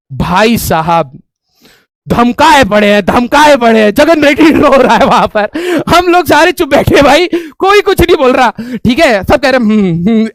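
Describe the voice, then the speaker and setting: Man, very high voice, dry close sound, animated comic storytelling. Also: no room sound. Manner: animated, laughs often, repeats "theek hai" as a filler. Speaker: teacher telling a story to students. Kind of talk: humorous classroom storytelling.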